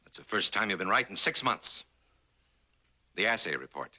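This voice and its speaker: Sharp, scornful western villain boss. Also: male voice, lowish voice, very animated, moderate pace, heavily acted. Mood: scornful, commanding. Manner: curt, scornful, commanding. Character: domineering, greedy male boss, contemptuous western villain. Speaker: actor in a TV western. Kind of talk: TV western drama acting.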